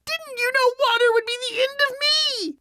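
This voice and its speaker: Mean old witch from a kids storybook, super high shrill screech, wailing and dramatic. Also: very animated, sharp tone, dry recording, studio quality, full character voice. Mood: wailing despair. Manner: screechy, drawn-out, theatrical. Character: shrieking, spiteful old wicked witch.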